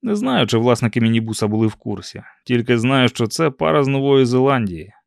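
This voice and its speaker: Brief: male audiobook narrator, middle pitch, dry and ironic first-person delivery, close and dry recording. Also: animated, a little fast, creaky, dry recording.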